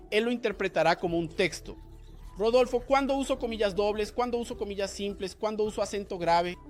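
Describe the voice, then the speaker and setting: A man teaching a coding lesson, explaining each step and asking rhetorical questions to the viewer. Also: sits high. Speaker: programming instructor. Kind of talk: screen-recorded coding lesson.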